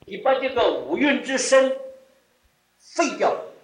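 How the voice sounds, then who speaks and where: A man's voice: extremely high pitch, very animated, a little slow, echoey room, low-quality recording. A man giving a Buddhist dharma talk, repeating key phrases as his voice rises and drops sharply. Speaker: Buddhist teacher.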